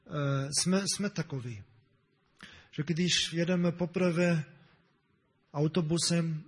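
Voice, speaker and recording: A man preaching a sermon in a relaxed, conversational way, with many fillers and restarts, often checking in with his listeners. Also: fairly high pitch, breathy edge, in a large hall. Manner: asks the congregation "ne?".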